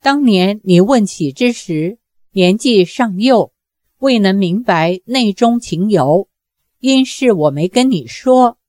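A woman reading the lines of a steady, kind middle-aged martial hero in a slow, grave and earnest way. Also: medium pitch, no room sound, clean studio sound.

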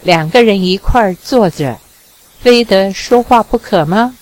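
A woman's voice: medium pitch, lively intonation, unhurried, a little mellow, lightly acted, poor audio. Woman reading as a teasing young charmer. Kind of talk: audiobook reading.

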